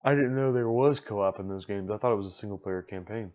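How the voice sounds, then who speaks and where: A middle-aged man co-hosting a casual podcast chat, blunt and animated, swearing casually. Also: fairly low pitch, quick pace, highs cut off. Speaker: podcast co-host.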